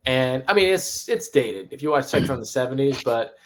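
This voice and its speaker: A man in casual podcast chat, talking at a middle pitch. He tells his stories in a rambling, animated way, restarting his sentences often. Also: normal speed. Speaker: podcast co-host.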